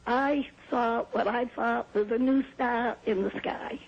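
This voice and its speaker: An older woman from New Hampshire tells her story in an interview, calm and plain, with small laughs and restarts. Her voice is gravelly and husky and sits a little high. The sound is dull and lo-fi, like a worn VHS tape. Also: measured pace. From New Hampshire, USA. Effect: old VHS tape sound. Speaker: interview guest. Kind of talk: recounting a personal experience in an interview.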